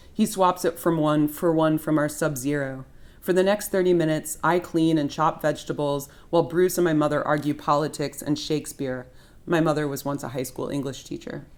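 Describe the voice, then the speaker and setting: A woman's voice: low-pitched, fairly even intonation, normal speed, a little mellow. A woman author reading her memoir aloud at a university event, in a dry, wry storytelling manner. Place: university writing center.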